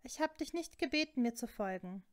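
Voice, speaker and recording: A woman voicing a sharp-tongued, exasperated young witch who talks in a snappy, indignant way, in a storybook reading. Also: a little high, lively intonation, brisk, voice pushed up, close to an everyday voice. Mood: teasing.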